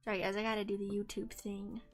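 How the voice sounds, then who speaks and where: A young woman chatting casually on a livestream in a cute, bubbly, animated anime-streamer manner, playful and giggly. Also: medium pitch, quick pace. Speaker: streamer hosting a live debut stream. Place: indoors at a home computer setup.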